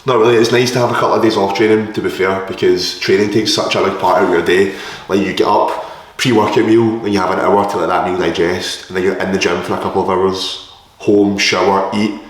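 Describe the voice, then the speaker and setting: A man's voice: sits low, steady tone, a little fast. A man chatting casually in a blokey, sweary way as a fitness vlogger, recorded in an echoey room. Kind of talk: casual vlog chat and gym tips. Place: large echoey indoor kitchen. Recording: echoey room with hard reflections.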